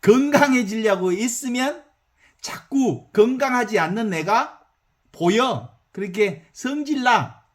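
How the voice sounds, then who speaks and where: Animated Jeolla priest preaching. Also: male voice, very high voice, takes it slowly. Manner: animated, folksy, asks the audience for assent. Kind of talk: sermon.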